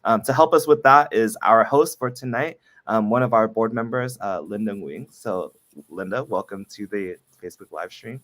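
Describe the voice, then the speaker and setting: A man opening a live online program and handing over to the host, speaking haltingly with many fillers. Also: lowish voice, a bit bright. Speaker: program presenter.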